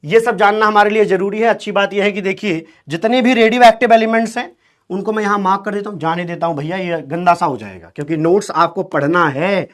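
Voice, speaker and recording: A man teaches chemistry in an online lecture. His voice sits high. He talks in an animated, teasing way and keeps quizzing his students. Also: fairly quick.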